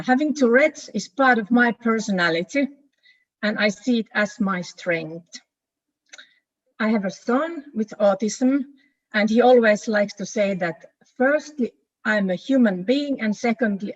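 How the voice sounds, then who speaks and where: A woman's voice: mid-range voice, animated, unhurried, lo-fi sound. A woman from Finland, giving an earnest, personal presentation as a project manager in an online meeting.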